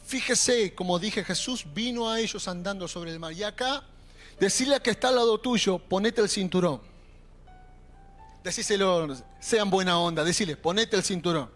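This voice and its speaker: A young adult man preaching a sermon in a Rioplatense accent, animated and calling out to the congregation. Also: sits high, moderate pace. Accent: Rioplatense Spanish. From Argentina. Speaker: pastor. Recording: faint music behind.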